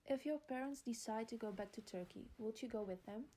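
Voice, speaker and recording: Female interviewer, scripted questions, slightly high, warm and dark tone. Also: fairly quick, a little hiss or hum.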